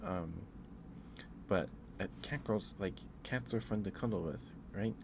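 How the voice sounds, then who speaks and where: A man with a low voice streams ASMR, chatting casually with live viewers in a halting, rambling way and often restarting mid-thought. Noise is clearly audible in the recording.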